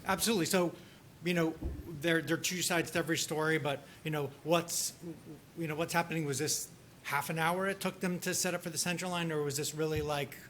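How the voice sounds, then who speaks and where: A man leads a conference teaching session, thinking aloud through a case with frequent restarts and fillers. His voice sits a little on the high side for a man. A faint hiss of noise runs under the speech. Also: steady tone, fairly bright tone. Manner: halting, heavy use of "you know" and restarts. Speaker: workshop presenter.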